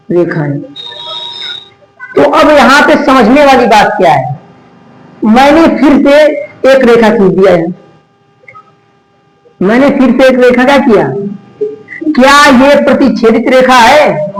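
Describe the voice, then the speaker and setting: Male tutor, high-pitched, call-and-response lecturing, roomy echo. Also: expressive. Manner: asks questions and answers them himself, repeating key terms slowly. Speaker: maths teacher. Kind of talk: classroom lecture. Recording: echoey room.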